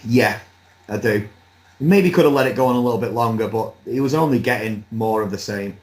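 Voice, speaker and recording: A man chatting casually as a pundit, relaxed and rambling, with a light laugh now and then. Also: on the low side, fairly quick, rough recording. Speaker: boxing pundit. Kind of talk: casual chat.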